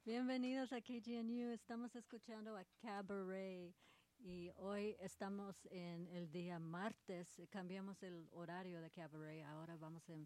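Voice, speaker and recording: A woman hosting a radio show, chatting with musicians in an easy, unhurried way. Her voice sits at an average pitch, and she laughs often between her questions. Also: steady tone, a little mellow. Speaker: radio host. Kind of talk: casual radio interview.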